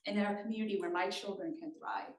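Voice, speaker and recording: A woman's voice: mid-range voice, fairly even intonation, fast talker. A woman from Thailand giving a conversational presentation at a community meeting, often checking in with her listeners. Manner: engaging, often checks in with the audience. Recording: roomy sound from a distant mic.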